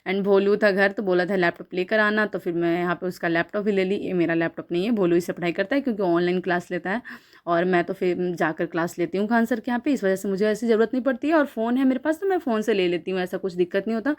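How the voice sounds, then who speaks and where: A woman's voice: mid-range voice, quick pace. Chatty young woman narrating her vlog. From Bihar, India. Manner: chatty, rambling, with many fillers and restarts. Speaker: vlogger. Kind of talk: casual voice-over vlog narration.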